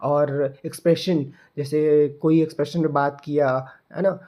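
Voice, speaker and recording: A man's voice: on the high side, steady tone, a little slow, mellow. A young man teaching an exam-prep lesson, explaining points in Hindi with English terms in an Indian accent and repeating ideas so they sink in.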